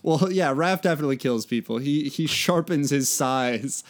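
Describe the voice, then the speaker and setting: A man's voice: on the high side, normal speed. A man co-hosting a comedy podcast, reading a fan story aloud and chatting, often breaking into laughter. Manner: giggly, reads with bursts of laughter. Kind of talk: casual read-aloud with banter.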